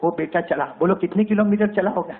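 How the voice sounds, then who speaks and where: A man preaching a sermon to women, telling a story dramatically and rising to cries when quoting. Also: high-pitched. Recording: tinny phone-like sound.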